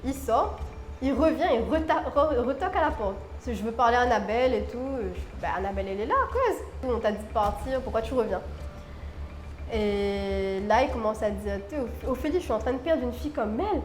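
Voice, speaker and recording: Expressive woman telling a dramatic story. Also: fairly high pitch, a little fast, a little hiss or hum. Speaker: guest. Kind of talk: animated storytelling. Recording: roomy room with faint music.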